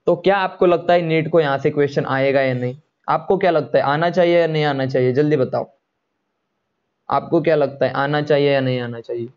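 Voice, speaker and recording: A man teaching a chemistry lecture online in speech, coaxing students to answer and drawing out formula terms slowly. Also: medium pitch, lo-fi sound.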